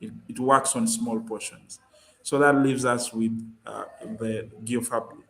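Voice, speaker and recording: Male webinar guest, mid-pitched, halting explainer with frequent ums. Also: steady tone. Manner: hesitant, many fillers and restarts. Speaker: guest speaker. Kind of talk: explaining mapping tools on a webinar.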